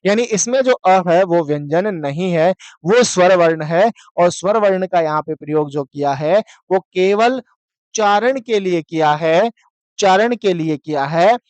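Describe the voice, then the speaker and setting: Male teacher, high clear voice, dry close sound, question-and-answer lesson, reads Sanskrit aloud. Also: lively intonation, unhurried, darkish tone, no room sound. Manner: asks the class questions and answers them himself; mixes Hindi explanation with read-aloud Sanskrit. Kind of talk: online class lesson explaining to students.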